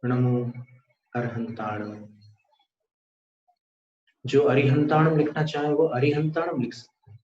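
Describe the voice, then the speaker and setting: A man with an Indian accent leads a guided meditation, speaking calmly and deliberately with pauses in a mid-range voice. The recording has an echoey room sound and a dull, muffled quality.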